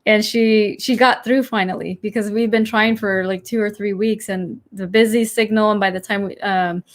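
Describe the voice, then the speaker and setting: A middle-aged woman co-hosting a spiritual self-help show in a casual chat. She is soft-spoken and a little hesitant, and often fills pauses with ums. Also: mid-range voice, fairly even intonation. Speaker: podcast co-host.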